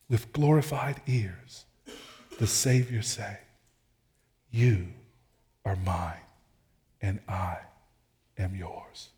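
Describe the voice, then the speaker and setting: A male pastor delivering a sermon in an earnest, measured voice of ordinary pitch. He swells louder as he reads scripture aloud and sinks quiet and low when he urges his listeners. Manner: earnest preaching, swells loud when reading scripture, drops soft and low for appeals.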